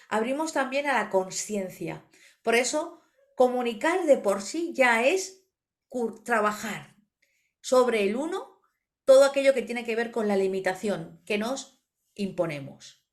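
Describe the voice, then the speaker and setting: Una mujer con acento de España que conversa en un pódcast y narra anécdotas con viveza. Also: female voice, fairly high pitch, measured pace. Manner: animated storyteller, acts out quoted voices. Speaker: podcast co-host, animal communicator. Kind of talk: casual podcast conversation.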